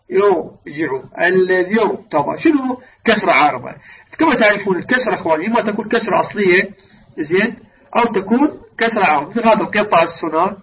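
A man teaching the rules of Quran recitation, stretching example words out slowly and asking his listeners questions he answers himself. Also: high-pitched. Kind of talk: religious lesson on recitation rules. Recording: distant, dull lo-fi mic with faint noise.

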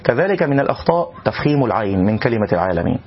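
A man giving a measured spoken lesson, breaking into slow, drawn-out chanted examples as a recitation teacher. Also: mid-range voice, big pitch swings, slightly rough, lo-fi sound.

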